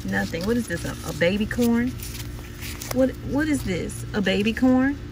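A woman's voice: a little high, expressive, moderate pace, background noise. A woman casually walking viewers through her backyard garden, chatty and exclamatory, calling them y'all. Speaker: home gardener vlogger.

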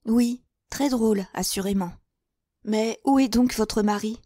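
Woman narrator doing a soft, shaken young noblewoman, higher, faint and gentle. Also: a little slow, no room sound, studio quality. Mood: tender. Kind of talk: audiobook character reading.

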